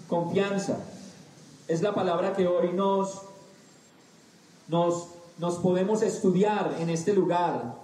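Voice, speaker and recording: A man preaching a sermon, slow and emphatic with dramatic pauses. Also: sits high, warm tone, recorded from a distance. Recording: echoey room, voice off-mic.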